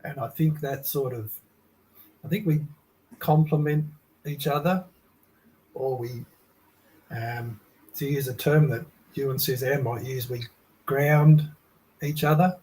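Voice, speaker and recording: A man being interviewed, relaxed and hesitant, with many fillers. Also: medium pitch, slow pace, long pauses, low-quality recording. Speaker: guest. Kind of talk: casual interview.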